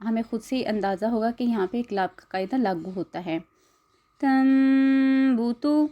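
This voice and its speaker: A woman's voice: mid-range voice, brisk, highs cut off. A woman teaching a Quran recitation lesson step by step, spelling out syllables, drawing out the recited words and asking listeners to repeat after her.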